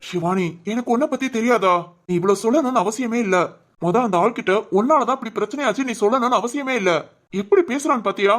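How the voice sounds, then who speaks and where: Brief: a woman playing a calm young man, soothing and firm, voiced fairly high. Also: fast, natural voice. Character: calm protective young man, office worker.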